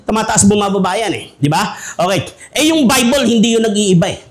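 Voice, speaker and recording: A man's voice: high voice, fairly quick. A man from the Philippines preaching a humorous sermon as pastor, joking and conversational, laughing often.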